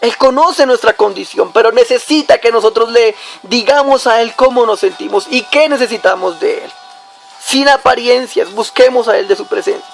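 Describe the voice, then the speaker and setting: A man's voice: very high voice, normal speed, vocal fry, faint music behind. A young adult man preaching a devotional teaching on prayer, addressing the listener directly point by point.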